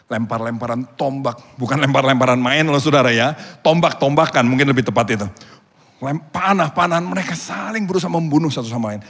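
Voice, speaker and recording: A man preaching a sermon as pastor, telling a story with animated delivery and acting out the characters' voices. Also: mid-range voice, brisk. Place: church auditorium. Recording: reverberant church hall.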